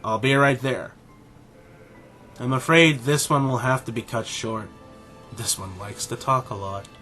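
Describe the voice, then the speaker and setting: A man plays a haughty middle-aged animal scientist and father in an audio drama, his pompous, deliberate speech turning curt. The mid-range voice has a sharp tone, and faint music can be heard behind it.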